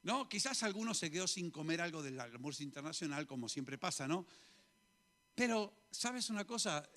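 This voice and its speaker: A man preaches as pastor in a church. His voice sits a little high, and he leads the congregation in prayer with fervent, repeated calls that swing between hushed and loud. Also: lively intonation, normal speed. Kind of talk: sermon leading prayer. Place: church hall.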